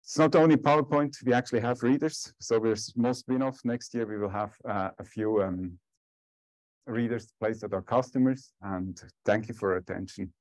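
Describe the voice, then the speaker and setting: A man's voice: lowish voice, normal speed, dry recording, rough recording. A man giving a technical talk and answering questions as a scientist at a conference. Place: conference lecture room.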